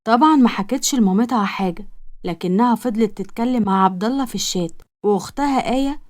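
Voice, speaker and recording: A woman with an Egyptian accent narrating a romance story in a brisk, matter-of-fact way. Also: on the high side, darkish tone. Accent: Egyptian Arabic. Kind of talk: scripted narration.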